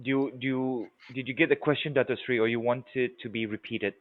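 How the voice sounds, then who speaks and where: A man's voice: mid-range voice, steady tone, fairly quick. Man on a clipped phone line. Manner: hesitant, restarts his phrasing. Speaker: co-host interviewer. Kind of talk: remote interview questioning. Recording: narrow phone-line audio.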